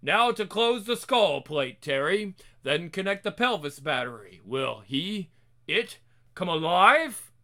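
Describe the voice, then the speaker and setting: A man playing a worried, excitable scientist who built a robot, speaking with urgent, dramatic wonder. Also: high-pitched, slow, full character voice. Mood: anxious wonder.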